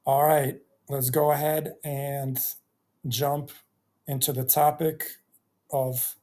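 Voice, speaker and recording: Thirties male vlogger, unhurried and reflective, mid-pitched voice. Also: flat delivery, a little mellow. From Bosnia and Herzegovina. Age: 30s. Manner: slow and reflective, with many pauses and fillers. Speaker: YouTuber. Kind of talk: personal storytelling vlog.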